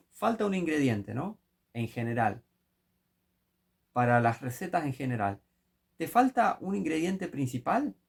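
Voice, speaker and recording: A man's voice: mid-range voice, creaky, slightly rough. A man preaching a sermon, emphatic and full of rhetorical questions.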